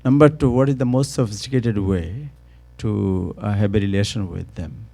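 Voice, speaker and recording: A man asking a panel a question from the audience, halting with small laughs. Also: lowish voice, vocal fry, warm tone.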